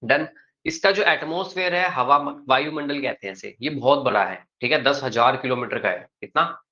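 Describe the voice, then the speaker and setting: Lecturing in a bright, forward mid-range voice, a male teacher moves at an unhurried, even pace and keeps stopping to make sure his students follow. The classroom recording is muffled and lo-fi.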